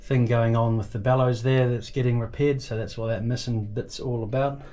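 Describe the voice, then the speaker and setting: Mellow-voiced man giving a casual tour. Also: medium pitch, steady tone. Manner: halting, thinking aloud as he points things out. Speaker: boat owner giving a tour. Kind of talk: casual unscripted walkthrough. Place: small boat engine room.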